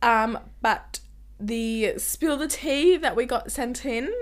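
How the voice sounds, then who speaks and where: A woman's voice: on the high side, slow pace. A young woman co-hosting a podcast in casual, rambling, giggly chat, her voice a little off and limited in volume from a recovering sore throat. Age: young adult. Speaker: podcast co-host.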